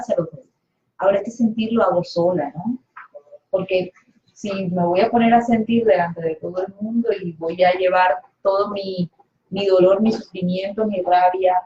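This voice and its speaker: A Colombian woman leads a study group in a calm teaching voice at a mid pitch. She explains each point carefully and keeps asking questions and answering them herself. The recording sounds roomy and a little dull. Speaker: spiritual study group leader.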